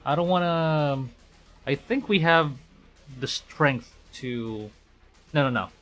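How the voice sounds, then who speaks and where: Reading a visual novel aloud on his stream, a Filipino man mutters his own reactions between passages. He sounds on the high side, expressive, and fairly bright, taking it slowly, with game music in the background.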